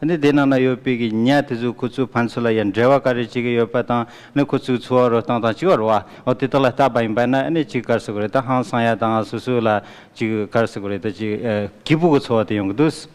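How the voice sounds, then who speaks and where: A man interpreting a biology lecture for students, beginning each turn with a quick affirming "aha.". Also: mid-range voice, steady tone. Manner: brisk, with frequent affirming "aha". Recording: smooth voice in a long-reverb hall.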